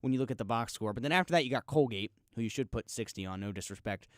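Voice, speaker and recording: A man hosting a casual sports radio show from a studio, telling listeners to calm down in an easygoing way. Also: mid-range voice, fast talker, no echo. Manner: laid-back, urging everyone to calm down. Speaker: radio sports talk host. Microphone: studio microphone.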